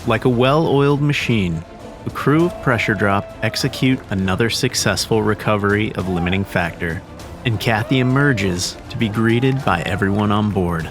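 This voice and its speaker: Guy narrating an expedition documentary, lowish voice, music bed underneath. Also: moderate pace. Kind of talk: scripted narration.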